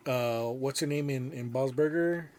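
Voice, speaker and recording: A man co-hosting a casual podcast, his talk loose and eager. He fills every sentence with "like" and "dude" and swears without a second thought, sitting in mid pitch for a man. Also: a little slow, a little hiss or hum. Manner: loose and excitable, heavy on "like" and "dude"; swears freely. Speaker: podcast co-host. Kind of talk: casual chat.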